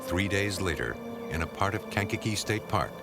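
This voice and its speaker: A man giving grave, measured scripted narration for a crime documentary. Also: low-pitched, lively intonation. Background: music.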